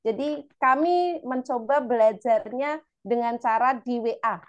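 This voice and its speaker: Indonesian woman moderating a webinar, fairly high voice, polite and calm. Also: measured pace. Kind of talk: webinar talk.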